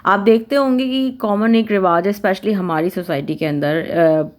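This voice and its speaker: A woman from Pakistan giving a conversational talk on family relationships, listing points one by one and acting out what people say. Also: medium pitch. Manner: conversational, repeats and lists points, acts out quoted speech. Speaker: Islamic family-life speaker.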